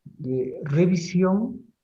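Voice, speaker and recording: A middle-aged man giving a university class lecture, speaking deliberately, pausing and repeating words as he explains. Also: sits high, lively intonation, warm tone, breathy edge, highs cut off.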